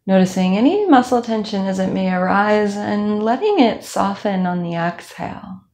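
A young woman instructor leading a calm guided body scan meditation, speaking slowly with soft fillers. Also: medium pitch. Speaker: movement instructor.

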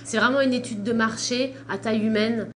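A woman's voice: a little high, a little fast. A woman in her thirties from an event company, giving casual advice in a small office, talking with many hesitations. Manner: relaxed, hesitant with many fillers. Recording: roomy, distant mic, background music.

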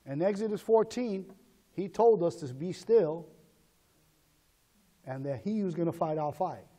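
A male pastor preaching a sermon in call-and-response style, swinging between shouted calls and low asides. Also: animated, unhurried, long reverb tail.

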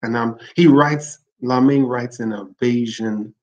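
Male host, mid-pitched, earnest and reflective literature talk; self-corrects often; slightly dull lo-fi recording. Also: steady tone, a little slow, a little mellow. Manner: earnest, reflective, restarts phrases to correct himself. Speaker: livestream host discussing literature. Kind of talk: informal literary talk with read-aloud excerpts.

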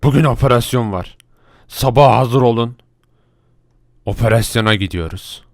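A man's voice: medium pitch, a little hiss or hum, close to an everyday voice. A man voicing a brash, bossy male thief gang leader in a Minecraft role-play, ordering his crew around and snapping at them. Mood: scheming. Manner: bossy, quick-tempered, yelling at his crew.

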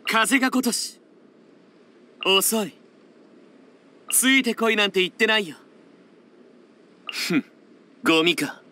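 A man's voice: high voice, lively intonation, slow pace, long pauses, pushed and bright, exaggerated voice. A man voicing a haughty, sneering young male wanderer with wind powers in an anime video game. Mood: disdainful. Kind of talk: anime game battle voice lines.

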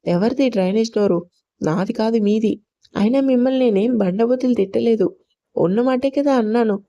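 A woman's voice: fairly high pitch, brisk, warm tone, muffled recording, lightly acted. A woman voicing a feisty young female employee who talks back to her boss in an audio story. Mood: defiant. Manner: defiant, quarrelsome.

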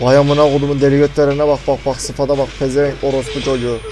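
A man commentating a horror game, panicky and swearing, muttering prayers and often dropping to a hushed voice. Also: medium pitch, monotone, racing, a little hiss or hum, low-quality recording. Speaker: gamer.

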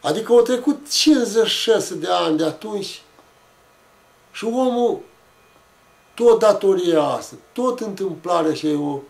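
High-voiced storyteller. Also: male voice, expressive, vocal fry. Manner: slow, reflective, homespun. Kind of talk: folksy oral storytelling.

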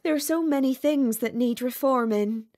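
A woman voicing a peaceable, practical female duck in a storybook, chatty and homely, with emphatic, drawn-out delivery. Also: high voice, a little mellow. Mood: placid, practical. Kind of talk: storybook character reading.

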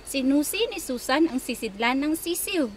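A woman's voice: high-pitched, animated, moderate pace. A woman with a Filipino accent, playfully coaching tongue twisters, correcting and repeating words like a teacher. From Philippines. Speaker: wife hosting a tongue twister challenge. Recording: noisy home-video recording.

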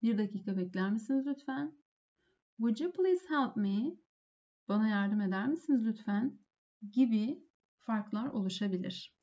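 A woman English teacher giving a lesson, saying each phrase slowly and then translating it. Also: a little high, animated, mellow, muffled recording. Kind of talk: lesson explaining phone phrases.

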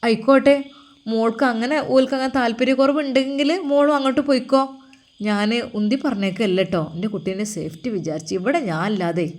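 A woman voicing an elderly, caring mother with a Malappuram accent who talks in a soft, coaxing way. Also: a little high, quick pace, close to an everyday voice. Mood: tender, reassuring. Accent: Malappuram Malayalam.

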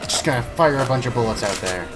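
A man's voice: medium pitch, lively intonation, fast talker, loud music behind the voice. Chatty man narrating his gameplay. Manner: chatty, talks to himself and to game enemies; playful, jokey asides. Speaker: let's play gamer. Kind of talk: casual gameplay commentary.

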